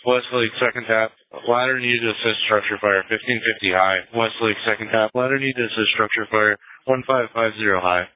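A man's voice: on the low side, fairly even intonation, brisk, few pauses, no echo. A man working as a fire dispatcher, heard over a two-way radio and speaking in clipped phrases that repeat the numbers and codes. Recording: tinny narrow-band radio, dry.

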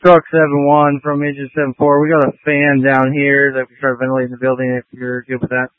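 A man's voice: medium pitch, completely flat delivery, fairly quick, no room sound. A man working as a firefighter, giving status reports to command over a two-way radio. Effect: two-way radio transmission. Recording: narrow, phone-like radio channel.

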